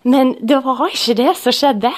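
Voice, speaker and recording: A woman's voice: high-pitched, fairly even intonation. A woman preaching a sermon, telling a personal testimony in an earnest storytelling way with frequent hesitations.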